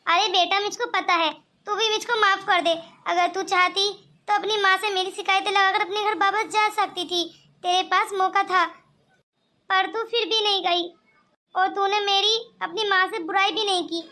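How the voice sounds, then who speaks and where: A bossy older mother-in-law from a cartoon story, voiced by a woman. She talks in a commanding, scheming way, with a very high, sharp, bright voice. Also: fairly even intonation, normal speed. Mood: warm. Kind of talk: cartoon voice acting.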